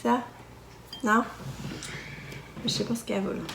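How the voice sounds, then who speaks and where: A woman's voice: fairly high pitch, fairly even intonation, a little slow, creaky, fairly bright tone, a little hiss or hum. A young woman with a Quebec French accent, casually narrating a home vlog and chatting with her toddler. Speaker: mother vlogger. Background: background music.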